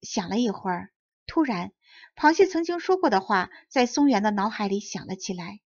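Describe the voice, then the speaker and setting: A woman narrating a children's fairy tale in a soft, lilting storytelling voice. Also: medium pitch, animated, normal speed, breathy edge, no room sound, lo-fi sound. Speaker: audiobook narrator.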